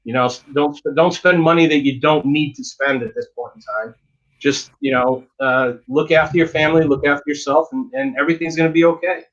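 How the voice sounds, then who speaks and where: A man's voice: a little high, fairly even intonation, brisk, a bit bright, highs cut off. A dentist giving frank, emphatic advice in a casual interview, often repeating words as he talks.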